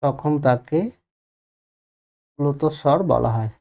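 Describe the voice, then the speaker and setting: A man's voice: mid-range voice, fairly even intonation, slow, vocal fry, muffled recording. A male teacher with a West Bengal Bengali accent giving an exam-prep grammar lesson, repeating key phrases and asking and answering his own questions. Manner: drags out vowels to demonstrate.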